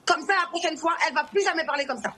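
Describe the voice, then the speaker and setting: Brief: woman in her twenties, from Guadeloupe, high voice, blunt and unfiltered. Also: rapid-fire, sharp tone. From Guadeloupe and Morocco. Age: 20s. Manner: blunt, outspoken. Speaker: reality TV personality, guest.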